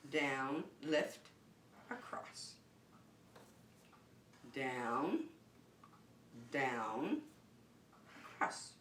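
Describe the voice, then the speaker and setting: A preschool teacher leads story and circle time, speaking to young children in short, simple, encouraging phrases during a lesson with singing. Her medium-pitched voice is pushed and bright, recorded in a roomy space far from the microphone.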